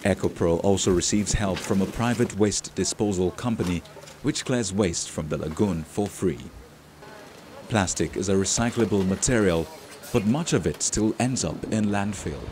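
A man's voice: deep voice, normal speed, darkish tone, a little hiss or hum. A man reading a scripted news feature as a voice-over. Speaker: report narrator.

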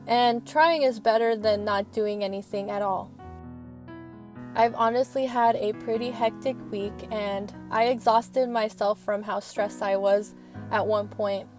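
A young adult woman, a student vlogger, rambles casually in a voice-over recorded in her parked car, her slightly high voice sounding earnest and candid. Quiet, gentle music plays beneath her words.

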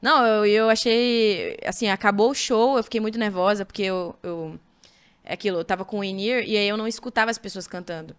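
Chatty young Brazilian woman with a smooth voice. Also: medium pitch, brisk. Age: young adult. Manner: chatty, animated, with many fillers and restarts. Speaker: singer, podcast guest. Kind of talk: casual interview chat.

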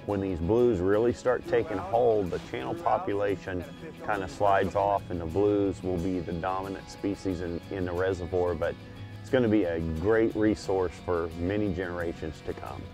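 A man who fishes catfish tournaments, talking in a relaxed, plain-spoken way on an open boat. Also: sits low, moderate pace, over music. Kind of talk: casual fishing show talk.

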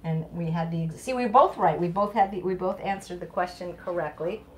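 Speaking fairly quickly in a lowish voice, a middle-aged woman acts as chef and host for a casual live cooking demo indoors in a home kitchen. She exclaims enthusiastically as dishes clatter and clicks sound around her.

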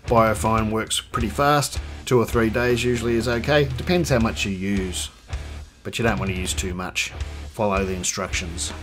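Soft music plays in the background while a home brewing host, an Australian in his fifties, reviews beer casually from his home bar room. His lowish voice is a bit bright and moderately paced, and his chat rambles with many ums and restarts.

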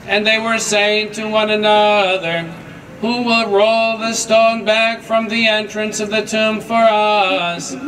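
A man serving as a priest, slowly intoning a Gospel reading in a large candlelit church, recorded from a distant camera. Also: sits high, slight background noise. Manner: slow, even, intoning. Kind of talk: liturgical Gospel chanting. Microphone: far camera.

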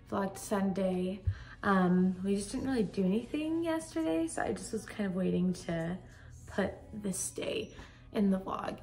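A woman in her twenties chatting casually to a handheld camera in a vlog, bubbly and full of filler words. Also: medium pitch. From USA. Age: 20s. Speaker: vlogger. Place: apartment, car and outdoors. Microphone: handheld phone or camera at arm's length.

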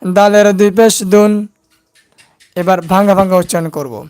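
A man teaching Quran recitation step by step, slowly drilling syllables and asking and answering his own questions. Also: high voice, steady tone, a little mellow, clear, resonant tone.

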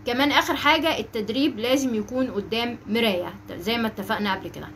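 A woman's voice: on the high side, fairly bright tone, a little hiss or hum. Egyptian woman drilling speech sounds. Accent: Egyptian Arabic. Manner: slow, emphatic drilling of sounds with frequent check-ins. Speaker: speech therapist. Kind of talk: instructional video lesson.

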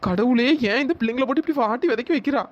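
A bossy village gossip in a cartoon story, played by a woman rattles on quickly and scolds freely. Her voice is high, and the recording is dry, close and a bit dull. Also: no echo, close to an everyday voice. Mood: gossipy. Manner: chatty, scolding, fast-talking.

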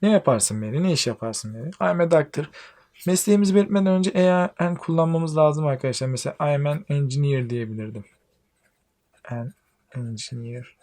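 A male English teacher with a Turkish accent, chatting through a lesson, reading English lines slowly and translating them for his students. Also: fairly high pitch, darkish tone. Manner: chatty, addresses viewers as friends, reads English lines slowly then translates. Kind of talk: classroom lesson explaining exercises.

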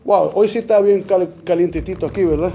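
A male preacher leading a Bible study sermon, constantly asking the congregation questions and saying amen, reading scripture slowly and deliberately. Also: high voice, steady tone, mellow, highs cut off, a little hiss or hum.

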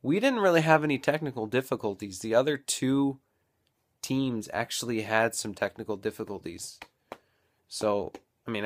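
A young man vlogging casually at home, rambling and thinking out loud into a built-in camera mic. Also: on the low side. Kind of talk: casual daily vlog.

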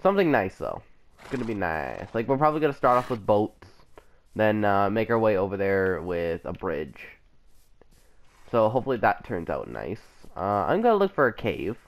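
Here the young let's play host, still coughing and flu-ridden, sounds very animated, his fairly low voice moving at a moderate pace. He chats casually about the game, wandering off topic and correcting himself along the way.

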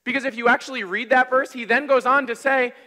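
Man in his thirties, sermon, high clear voice, conversational, long hall reverb. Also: fast. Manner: conversational, energetic preaching with wide gestures. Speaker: pastor. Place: large church hall, on stage at a wooden pulpit.

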